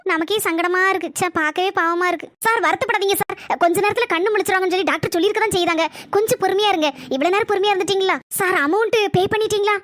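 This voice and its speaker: A woman acting a polite, hurried hospital nurse in a family drama skit. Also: very high voice, music in the background.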